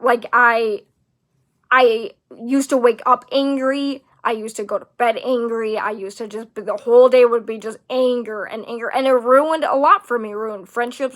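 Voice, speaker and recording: Young woman ranting on her podcast, high voice, lots of "like" and restarts. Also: fairly bright tone. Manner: rambling, filler-heavy, exasperated venting. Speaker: podcast host. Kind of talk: casual solo podcast monologue.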